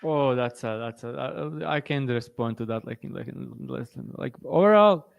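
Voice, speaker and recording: Gravelly Croatian-born betting co-host. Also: male voice, mid-range voice, lively intonation, no room sound, muffled recording. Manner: halting, many restarts and fillers. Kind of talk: casual podcast chat.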